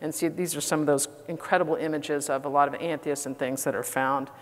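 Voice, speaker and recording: A woman's voice: low voice, flat delivery, fairly quick. A middle-aged woman with a Texas accent giving a conference talk, chatty and self-deprecating with frequent fillers. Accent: Texan. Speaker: conference speaker. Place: large conference hall. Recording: reverberant conference hall.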